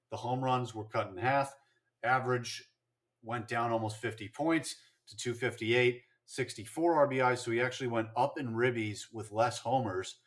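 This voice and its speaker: Chatty man rattling off baseball stats. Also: medium pitch. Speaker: podcast co-host. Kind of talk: casual sports chat.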